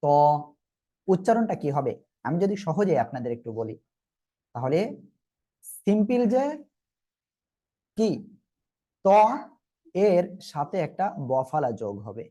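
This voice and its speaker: Teaching Arabic letters for a Quran reading lesson, this Bangladeshi Bengali-accented man patiently repeats and checks that learners follow. His warm voice sits a little high and is very animated, at a moderate pace with frequent pauses.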